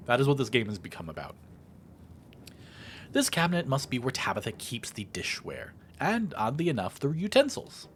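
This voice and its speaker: A let's play host narrates a video game playthrough, reading the on-screen text aloud in an expressive, theatrical way and throwing in casual commentary of his own. His mid-range voice moves at a moderate pace, with a little hiss or hum in the audio.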